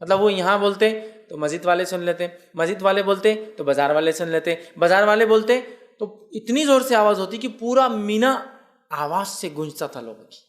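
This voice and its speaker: A man giving a religious lecture, slowly explaining points, reciting Arabic phrases and urging his listeners with repeated reminders. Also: high voice. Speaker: Islamic preacher.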